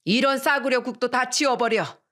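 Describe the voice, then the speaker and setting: Shrill scolding old mother-in-law, read by a woman narrator, loud and slow. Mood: furious. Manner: scolding, yelling. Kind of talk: storybook reading.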